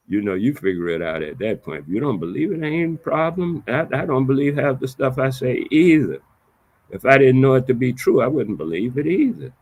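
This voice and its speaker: A man's voice: medium pitch, darkish tone. A man talking to camera in a reflective, preachy monologue, repeating his points with emphasis in casual vernacular speech. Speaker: vlogger.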